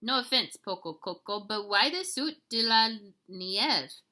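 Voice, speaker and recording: A woman's voice: mid-range voice, lively intonation, unhurried, bright, forceful tone. A woman voicing tiny, boisterous male Chihuahuas with a put-on Mexican Spanish accent, exclaiming dramatically. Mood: dramatic.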